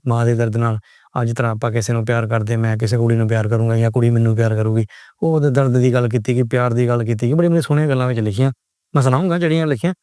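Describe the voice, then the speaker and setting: Fast-talking man explaining a book. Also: medium pitch, a little mellow, clear, resonant tone, no echo, studio quality. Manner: conversational, explains words as he reads. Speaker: book reviewer. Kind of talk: casual book reading and word explanations.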